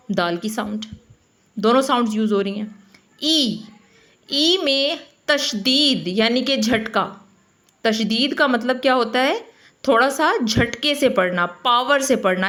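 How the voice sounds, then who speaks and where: A woman teaching phonics to other teachers, slowly explaining and repeating each letter sound aloud. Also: fairly high pitch, fairly bright tone.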